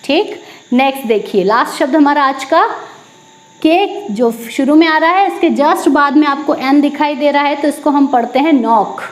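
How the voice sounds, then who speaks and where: High-voiced woman teaching English. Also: moderate pace. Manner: repeats key points, asks and answers her own questions. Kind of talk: explaining a lesson to viewers.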